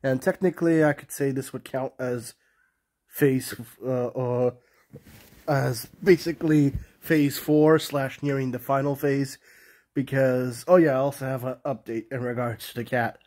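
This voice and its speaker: With a steady, darkish mid-range voice at a measured pace, a sniffly vlogger with a cold rambles off the cuff. He records his cluttered little bedroom on a handheld phone, stumbling through restarts and fillers before a polite goodbye.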